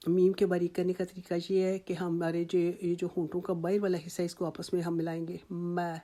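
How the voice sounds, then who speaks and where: Patient woman teaching recitation, mellow tone. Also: fairly low pitch, little pitch movement. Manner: patient, reassuring, drawn-out model recitations between explanations. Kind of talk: slow instructional tajweed lesson.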